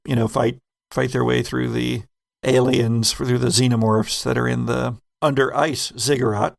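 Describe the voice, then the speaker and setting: A male podcast host and game master chats casually in a retrospective, explaining things in a rambling, digressive way. His medium-pitched voice is creaky with little pitch movement and moves at normal speed. The clean studio recording has no room sound.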